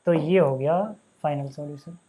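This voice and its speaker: A man teaching a maths lesson, talking casually to students and repeating each step slowly as he writes. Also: a little high, steady tone, mellow. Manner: casual, addresses students as bhai and yaar, repeats steps slowly while writing.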